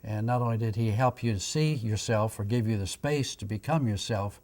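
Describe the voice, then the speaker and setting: A man's voice: lowish voice, normal speed, darkish tone. A man speaking reflectively in an interview.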